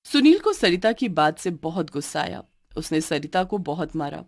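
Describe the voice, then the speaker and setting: A woman's voice: low voice, big pitch swings, normal speed. Female narrator for a cartoon moral story.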